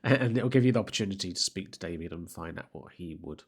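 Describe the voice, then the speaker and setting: A man running a tabletop game, keeping things on track in an unhurried way. His voice is very deep. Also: animated, creaky, husky. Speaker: game master. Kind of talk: casual tabletop game chat.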